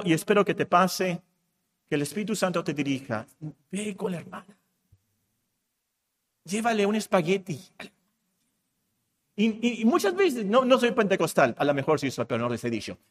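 A man preaching a sermon in a church, moving from loud emphatic lines to hushed asides. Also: on the high side.

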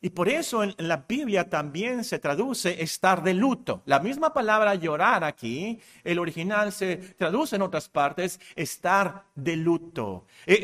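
A man giving a sermon as pastor, explaining slowly with many fillers and restarts and rising in force to stress his points. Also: high voice, a bit bright.

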